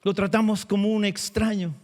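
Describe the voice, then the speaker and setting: A male pastor preaching a sermon, asking the congregation questions and slowing down to stress key words. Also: high-pitched, steady tone, a little mellow.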